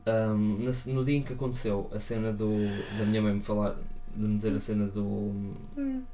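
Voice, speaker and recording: A man's voice: fairly low pitch, normal speed, a little hiss or hum. Slangy young Portuguese man telling stories. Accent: European Portuguese. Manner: slangy, animated, voices the people in his stories. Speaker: podcast co-host. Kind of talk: casual storytelling chat.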